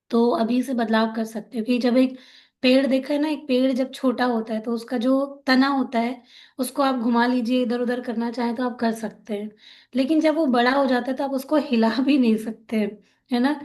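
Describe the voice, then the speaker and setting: A woman's voice: fairly high pitch, dark tone. A woman counselor giving an earnest, conversational talk on parenting, often checking for agreement. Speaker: wellness counselor.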